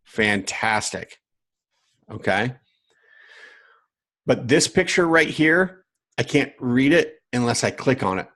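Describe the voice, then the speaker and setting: A man's voice: mid-range voice, animated, slow pace, pauses often, a bit bright. A man who coaches other coaches, teaching live online from a screen share, with emphatic repetition and frequent check-ins with viewers. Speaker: business coach.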